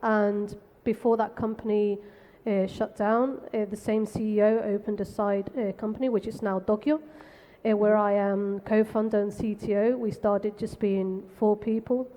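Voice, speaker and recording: A woman from the Canary Islands in Spain, speaking on a tech panel in a brisk, frank, self-deprecating way. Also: medium pitch, steady tone, dark tone. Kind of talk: conversational panel talk. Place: conference stage. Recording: long hall reverb.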